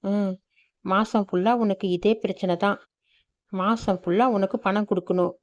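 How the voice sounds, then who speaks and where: A woman's voice: mid-range voice, steady tone, moderate pace, close to an everyday voice. A woman voicing a stern, impatient employer woman who talks curtly and dismissively. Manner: curt and dismissive.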